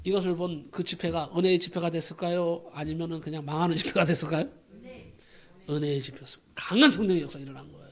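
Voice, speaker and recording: Brief: male pastor, high-pitched, preaches with emphatic rhetorical questions. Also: quick pace, a little hiss or hum. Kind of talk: sermon.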